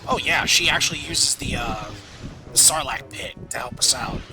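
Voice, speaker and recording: A man's voice: mid-range voice, normal speed. A man giving casual, blunt game commentary as a co-commentator. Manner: blunt, sweary. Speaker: let's play co-commentator. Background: game music and effects.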